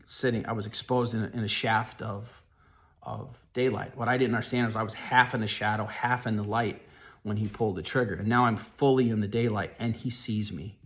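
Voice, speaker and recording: A man telling a personal story in an earnest, halting way, often restarting his sentences. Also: on the low side, a bit bright.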